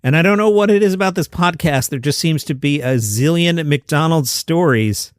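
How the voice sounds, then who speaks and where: A man's voice: on the high side, moderate pace, no echo. Jokey male news host, dry sound. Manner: chatty, jokey asides. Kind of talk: upbeat news roundup reading.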